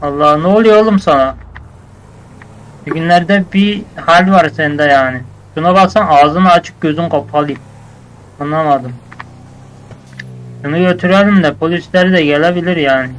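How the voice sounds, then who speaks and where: A man's voice: fairly high pitch, normal speed, pauses often, clean tone, rough recording. A man acting out a casual game roleplay, bossing his crew around in scolding, slangy street talk.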